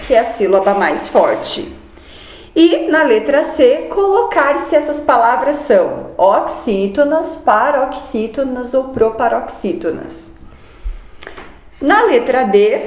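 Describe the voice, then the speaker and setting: A woman's voice: high-pitched, a little mellow. Patient teacher woman in an echoey room. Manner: clear, patient, explaining step by step. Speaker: primary school teacher. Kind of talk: recorded review lesson for children.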